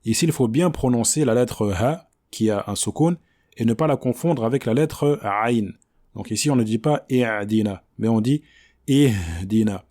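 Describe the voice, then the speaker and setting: A man giving a tajwid lesson, patiently explaining pronunciation, checking in with "d'accord?" and slowly modeling each word in a drawn-out recitation. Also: mid-range voice, dark tone. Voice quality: chants the verse in a slow drawn-out recitation. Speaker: Quran recitation teacher.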